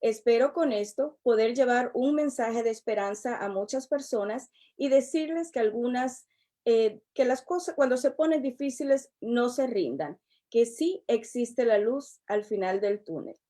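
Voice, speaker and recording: A middle-aged woman, a relationship coach giving a prepared personal testimony in a measured, earnest way. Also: fairly high pitch, dark tone. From El Salvador. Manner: measured, earnest, unhurried delivery.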